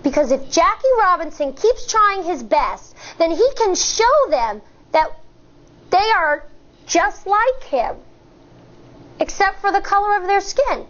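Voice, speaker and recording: Her voice is high and her delivery deliberate and expressive as she reads to young listeners like an elementary school teacher, geared toward storytelling and explanation. The recording, a children's read-aloud with teaching asides, sounds a little dull and lo-fi.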